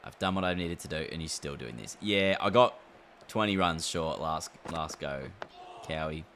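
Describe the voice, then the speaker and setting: A man's voice: extremely low pitch, moderate pace, fairly bright tone. A man chatting casually on a gaming livestream, reacting aloud to play and answering chat. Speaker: gaming streamer. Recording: clear background noise.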